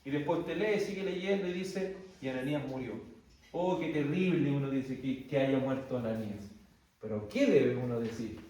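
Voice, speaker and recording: A man's voice: medium pitch, moderate pace, mellow. A man teaching a theology class who keeps asking rhetorical questions and answering them himself. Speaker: Bible teacher. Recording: very echoey room, distant mic.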